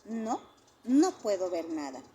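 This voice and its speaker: A woman reading a calm young blind man. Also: medium pitch, slow, a little hiss or hum. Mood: gentle.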